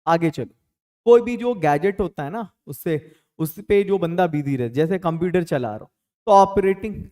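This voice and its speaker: A man teaching English tenses in a casual, playful way, repeating each example sentence slowly. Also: sits high, lively intonation, warm tone. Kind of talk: spoken English lesson in Hindi.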